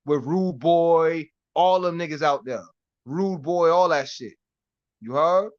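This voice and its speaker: A man's voice: on the high side, takes it slowly, dull audio. Slangy man with a New York–Florida accent. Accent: New York mixed with Florida. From Harlem, New York. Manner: loose street slang, heavy cursing, repeats "you know what I mean". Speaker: live-stream host answering chat. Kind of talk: casual chat.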